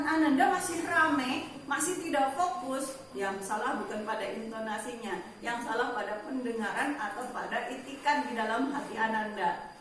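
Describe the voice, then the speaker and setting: A woman teacher talks through a lesson with a high, lively voice, slowing down to lean on the words she wants pupils to catch. She sounds a little off-mic, and a strong room echo surrounds every phrase. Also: a little hiss or hum. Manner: animated, stresses key words slowly. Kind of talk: online class lesson. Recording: very echoey room, voice from far off.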